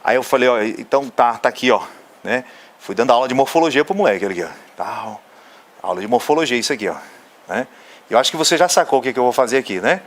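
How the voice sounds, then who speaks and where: Chatty man teaching a grammar class. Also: mid-range voice. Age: adult, father of a young son. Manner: lively, asks students questions and answers them himself; jokey asides and playful anecdotes. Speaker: Portuguese teacher. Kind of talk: recorded online class lecture.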